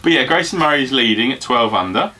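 A man's voice: medium pitch, expressive, fast, pushed and bright. A man in his thirties from England, co-hosting a casual golf show and leading the chat with easy tag questions. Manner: chatty, leads the talk with tag questions. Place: small indoor studio room full of golf memorabilia.

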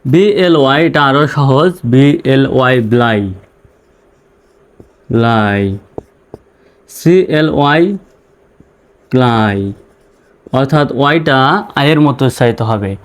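A man with a Bangladeshi accent teaching English phonics, spelling out letters and then sounding each word in slow, patient drills. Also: mid-range voice, clear, resonant tone.

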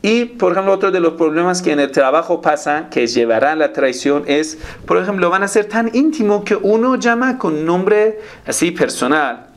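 A man's voice: high voice, expressive, moderate pace, hardly any pauses. A man giving a religious talk as a preacher, often asking listeners if they follow him. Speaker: Islamic preacher.

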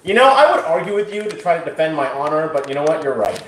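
A man's voice: fairly high pitch, big pitch swings, fast, fairly bright tone, reverberant, slight background noise. Teasing man hosting a kitchen stream. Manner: teasing, jokey, greets chat viewers. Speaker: host of a cooking live stream. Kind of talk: casual joking chat on a live stream. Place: home kitchen.

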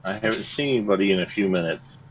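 A man's voice: fairly low pitch, fast talker. A man chatting easily and laughing with friends while they play a video game. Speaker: gamer. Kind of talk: casual gaming chat. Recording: dull lo-fi mic with clear background noise.

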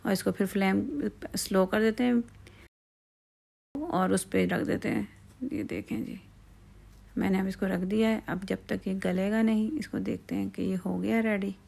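A woman walks through a recipe in a relaxed, chatty cooking-tutorial way, stopping to fill the pauses as she goes. Her voice is strongly gravelly, and her pitch stays flat and even. She sounds like she is outdoors at night, filming on a phone. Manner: chatty step-by-step explaining with fillers. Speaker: home cooking channel host.

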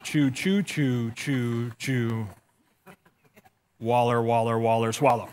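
A middle-aged pastor with a lisp speaks in a mid-range, steady, slightly mellow voice, taking it slowly. He preaches a humorous sermon on a church stage, walking and gesturing as he tells self-deprecating stories with acted-out dialogue.

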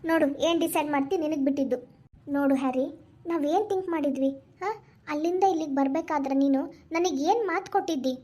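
A woman's voice: fast, warm tone, lightly acted. A woman voicing a scheming, manipulative young wife in a cartoon, with a North Karnataka Kannada accent. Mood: pleading. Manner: pleading, then plotting in low asides. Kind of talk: cartoon voice acting.

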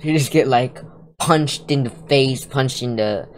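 A woman with an unusually deep, low voice gives casual, excitable commentary while gaming with a friend. She peppers her talk with "dude" and "like" and laughs often. Faint keyboard typing sits behind her. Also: unhurried, a little hiss or hum. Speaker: gamer playing with a friend.

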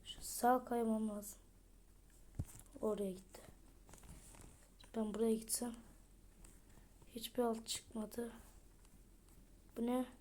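A woman, commentating a horror game as she plays, muttering to herself with sudden loud outbursts. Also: on the high side, level tone, takes it slowly, pauses often, slight background noise. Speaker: gaming streamer. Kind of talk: let's play commentary.

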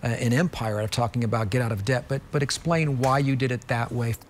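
A man's voice: medium pitch, fairly even intonation, fast, a little hiss or hum. A man hosting a television interview show, leading into questions with polished segues. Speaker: TV show host.

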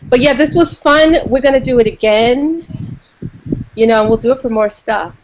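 A woman's voice: on the high side, moderate pace. A woman co-hosting a casual online video chat, joking around and laughing often. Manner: laughs often, jokey and chatty. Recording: noisy online call audio.

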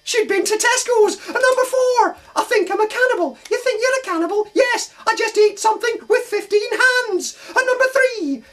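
An absurdly high, squeaky falsetto with a Scottish accent. It is a cheeky, excitable sock puppet in a comedy double act. The delivery is silly patter built on setups and punchlines. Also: male voice, moderate pace, few pauses.

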